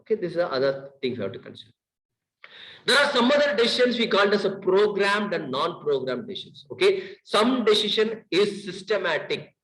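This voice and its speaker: A middle-aged man with an Indian English accent gives a lively classroom lecture, firing off questions in long lists. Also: high-pitched, fairly quick, reverberant, poor audio.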